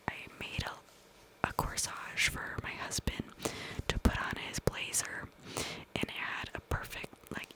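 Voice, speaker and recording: A woman tells a personal story in ASMR style, in a breathy, intimate cupped-hand whisper with a rambling, hesitant delivery. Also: rough recording. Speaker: ASMR video creator.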